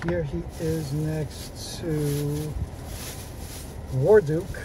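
A man's voice: on the high side, drawn-out words, noisy background. A man in his forties casually reviewing a toy on camera from inside his parked car, chatty and full of fillers. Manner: relaxed, chatty, with many fillers. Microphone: phone camera at arm's length.

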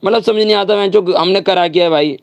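A man's voice: high voice, fast, creaky, no room sound. A young man streaming a mobile game live, ranting and swearing in anger, with a slightly sore throat. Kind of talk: live gaming stream chat.

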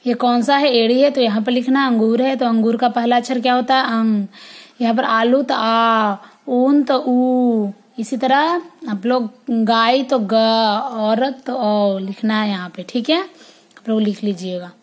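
A woman kindergarten teacher giving an online class to young children, drilling letters and words slowly in a sing-song way. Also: fairly high pitch, fairly even intonation.

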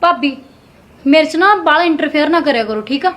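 A woman's voice: high-pitched, animated, a little fast, fairly bright tone. A young woman playing a spoiled college-going daughter who snaps back at her sister-in-law and begs her father for money. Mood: snappy. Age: young adult. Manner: snappy, talks back. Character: spoiled, vain, sharp-tongued young daughter. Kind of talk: Punjabi short-film acting.

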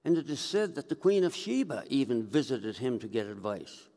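In the reverberant hall of an indoor church sanctuary, an older man who is a priest preaches into a gooseneck lectern microphone, weaving stories into a conversational sermon and gesturing as he talks. His medium-pitched voice is warm and sing-song at a normal pace.

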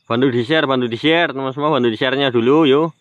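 A man's voice: medium pitch, very fast, a bit bright, dry recording, muffled recording. A man with a Banyumas Javanese accent, chatting to viewers on a night-time ghost-hunting live stream outdoors. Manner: chatty, addresses viewers, teasing sing-song calls to a ghost. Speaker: live-stream mystery vlogger. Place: outdoors at night near a graveyard. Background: crickets and insects.

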